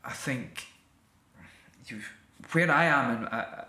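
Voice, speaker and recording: Bright-toned Scottish man, hesitant. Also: medium pitch, slow pace, reverberant, slight background noise. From Scotland. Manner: hesitant, many restarts and fillers. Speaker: actor and writer guest. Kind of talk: reflective interview talk.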